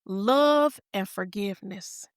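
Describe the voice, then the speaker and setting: A woman's voice: medium pitch, slow pace, clear, resonant tone, no echo, clean studio sound. A woman hosting a podcast, talking in a heartfelt, affectionate, folksy way. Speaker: podcast host. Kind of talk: heartfelt casual chat.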